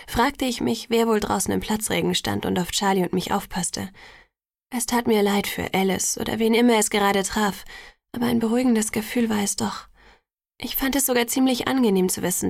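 A woman narrating a novel in the first person in a measured audiobook reading, lightly lifting her voice for the characters. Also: medium pitch, creaky, dry recording, studio quality.

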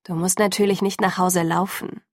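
A woman reading the lines of a brooding, protective teenage vampire boy, quiet and insistent, in an audiobook. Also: lowish voice, little pitch movement, moderate pace, no room sound, clean studio sound, close to an everyday voice. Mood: serious.

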